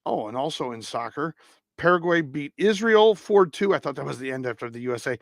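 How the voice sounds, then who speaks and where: A man hosting a live-stream sports results roundup, reading scores haltingly and stumbling over foreign names. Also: a little high, lively intonation, vocal fry, no room sound, clean studio sound.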